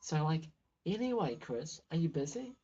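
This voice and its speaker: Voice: mid-range voice, big pitch swings, moderate pace, dark tone, lo-fi sound, soft background music, natural voice. A player reading game dialogue aloud as a snobbish, gossipy teenage girl with a drawling valley-girl manner full of "like". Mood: teasing.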